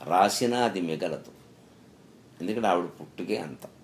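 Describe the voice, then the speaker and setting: A man's voice: deep voice, animated, moderate pace, slight background noise. A middle-aged man giving a spiritual discourse, telling stories and asking rhetorical questions with emphatic rises. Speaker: spiritual speaker.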